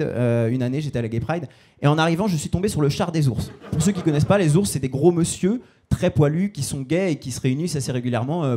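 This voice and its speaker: A man's voice: on the high side, noisy background. A man in his twenties performing a self-mocking stand-up set on stage, in a casual slangy way. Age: 20s. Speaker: stand-up comedian. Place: stage before a live audience.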